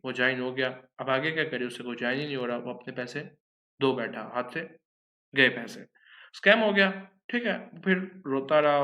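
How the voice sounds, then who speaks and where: A man's voice: medium pitch, sharp tone. A man giving a casual explainer talk, conversational and often checking that listeners follow. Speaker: online scams explainer.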